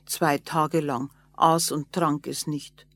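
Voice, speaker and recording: A woman reading a fairy tale aloud in a measured storytelling manner. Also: low voice, steady tone, no echo, studio quality.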